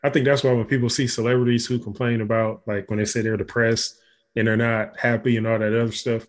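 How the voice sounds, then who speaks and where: A podcast co-host with a mid-range voice talks fast and flatly in casual conversation. He rambles loosely, restarting often and using lots of fillers.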